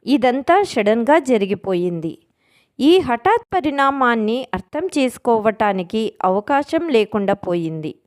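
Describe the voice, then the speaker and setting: Brief: woman storyteller, lively pitch, fairly high voice, suspenseful scripted narration. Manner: expressive, suspenseful.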